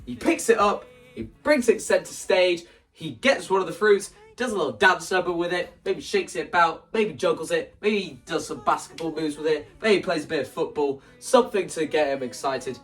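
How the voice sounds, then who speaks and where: At normal speed and with few pauses, a man with a high-leaning, somewhat bright voice talks through his ideas for staging a musical in a casual vlog. The video creator rambles eagerly, interrupts himself, and acts out quoted lines. He's recorded far from the mic over soft background music.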